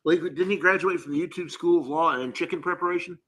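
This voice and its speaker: A man guesting on a casual reaction chat, firing off sarcastic quips. His voice is bright and cutting, and he leans on words to make a point. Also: on the high side, fairly even intonation, fast talker, a little hiss or hum. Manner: sarcastic, wisecracking. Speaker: guest commentator.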